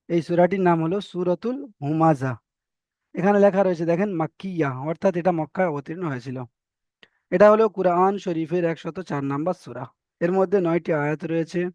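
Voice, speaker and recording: A man teaching Quran reading to adult students, spelling out letters and vowel marks syllable by syllable before reciting the verse slowly. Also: a little high, darkish tone, no echo. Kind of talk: online Quran reading class. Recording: dull lo-fi audio.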